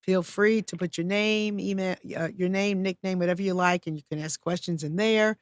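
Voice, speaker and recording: A woman's voice: fairly low pitch, steady tone, normal speed, dry recording, clean studio sound. Chatty woman hosting a live show. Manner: upbeat, chatty, welcoming. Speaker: show host. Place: studio.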